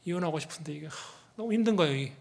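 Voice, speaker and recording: A man preaching a sermon as pastor, animated and asking the congregation rhetorical questions. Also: fairly high pitch, rapid-fire, gravelly. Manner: animated, acts out quoted people in their own voices.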